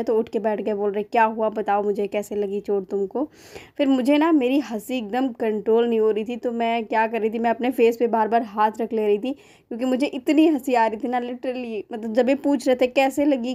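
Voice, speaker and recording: A woman's voice: a little high, mellow. An Indian woman vlogger giving a casual, chatty voice-over about a prank she played on her husband. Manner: chatty, giggly, addresses viewers.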